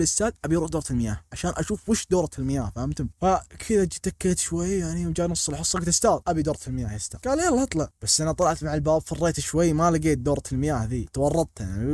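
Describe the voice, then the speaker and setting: A man telling a comic story, animated and jumping into mock voices for the people in it. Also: a little high, dry recording, clean studio sound. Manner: rapid, animated, slips into mock voices for characters.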